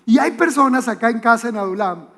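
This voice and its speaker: A man's voice: very high-pitched, fairly quick, sharp tone. A man with a Mexican accent preaching a sermon in a church auditorium, conversational, with rhetorical questions and joking asides. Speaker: pastor. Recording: long hall reverb from a church auditorium.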